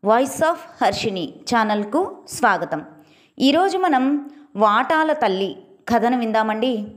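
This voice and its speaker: Woman storyteller, steady scripted narration, higher pitch. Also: slow. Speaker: storyteller, channel host.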